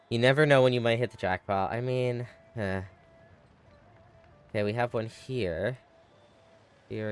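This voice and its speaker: A man's voice: mid-range voice, clean tone. A man streaming a strategy game, chatting casually with his viewers and thinking aloud with frequent exclamations, sounding a little tired. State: yawning, tired. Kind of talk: casual live gameplay commentary.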